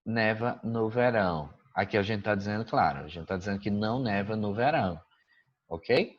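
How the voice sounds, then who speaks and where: A man's voice: on the low side, normal speed, lo-fi sound. A man who teaches English, patiently explaining a school exercise and often stopping to check that his students follow. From Brazil.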